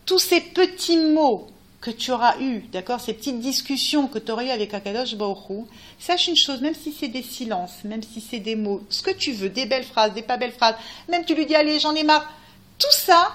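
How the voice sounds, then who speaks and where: High, animated woman preaching. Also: normal speed. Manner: animated, talks to listeners directly, rising to cries. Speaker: Torah teacher. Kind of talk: spirited religious talk.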